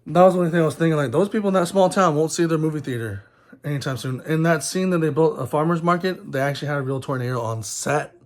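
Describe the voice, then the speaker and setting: A man's voice: a little high, fast talker. Rambling man reviewing a movie. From Texas. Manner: rambling, many ums and restarts. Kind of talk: casual film review vlog.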